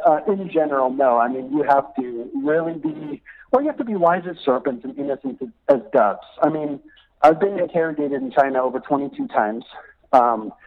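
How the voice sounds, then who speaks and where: A middle-aged missionary calls in from abroad for a phone interview, and the line is choppy. His slightly high voice belongs to a lively, animated storyteller who laughs often as he talks.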